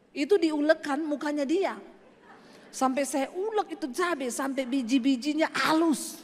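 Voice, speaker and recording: A woman pastor preaching a sermon, telling a personal story with lively delivery and addressing the congregation directly. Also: high voice, in a large hall.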